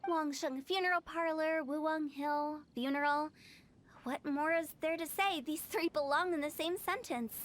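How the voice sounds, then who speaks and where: Brief: woman playing a mischievous young funeral director, very high-voiced and teasing. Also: fairly even intonation, normal speed, lightly acted. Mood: knowing. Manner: teasing, playful, breezy salesmanship about death. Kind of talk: game cutscene voice acting.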